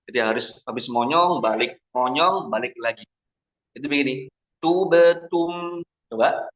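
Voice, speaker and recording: A man teaching Quran recitation, slowly demonstrating each sound with drawn-out chanting. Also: mid-range voice, a bit bright. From Indonesia. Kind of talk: tajwid lesson with demonstrations. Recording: dull lo-fi recording.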